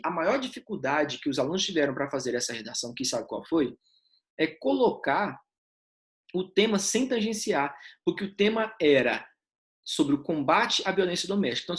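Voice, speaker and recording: A man's voice: fairly high pitch, a bit bright. Brazilian man teaching a live online class. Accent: Brazilian Portuguese. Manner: explains step by step, asks students questions. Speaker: essay-writing teacher.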